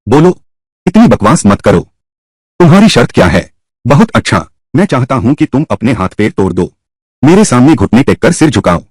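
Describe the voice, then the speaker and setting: Husky guy doing drama dub lines, voice swings up and down a lot, dry studio sound. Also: mid-range voice, big pitch swings, normal speed, darkish tone, no echo. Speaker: dub voice actor. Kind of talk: Hindi dub of a short drama.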